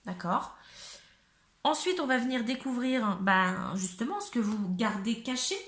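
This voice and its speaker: A hoarse woman from north-eastern France with a north-eastern French accent, giving a chatty, giggly tarot reading to her viewers, often searching for words. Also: fairly high pitch, very animated, a little slow, a bit bright, roomy sound. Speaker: tarot reader. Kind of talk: casual tarot reading to camera.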